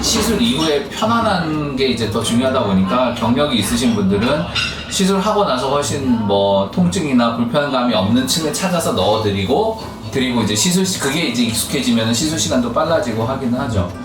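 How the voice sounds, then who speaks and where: Animated man explaining casually in an echoey room. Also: mid-range voice, a little fast. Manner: explains with rhetorical questions and acted-out quotes. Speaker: cosmetic clinic doctor answering questions. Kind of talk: casual explanatory chat over drinks. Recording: echoey room, distant mic, music behind.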